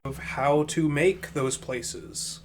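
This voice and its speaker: A man recounting his experience in a group chat, with deliberate and somewhat formal wording. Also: a little high. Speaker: participant in a paranormal session. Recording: noisy room with ambience.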